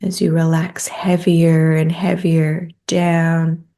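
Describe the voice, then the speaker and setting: A woman leads a gentle, soothing meditation, speaking slowly and taking her time over each phrase. Her relaxed, dark voice sits a little low with noticeable creak.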